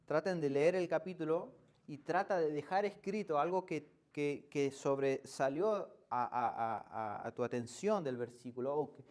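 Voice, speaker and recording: Man, Argentine accent, pastor, conversational sermon, rhetorical questions, somewhat high voice. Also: normal speed, a little mellow. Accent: Argentine Spanish. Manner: hesitant restarts while explaining. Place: church.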